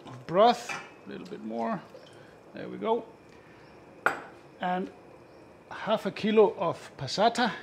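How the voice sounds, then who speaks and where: High-voiced man hosting a cooking show. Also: slow pace, creaky, pauses often, a little hiss or hum. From Northern Europe. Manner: relaxed, explaining steps, chuckles often. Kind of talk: casual cooking demonstration.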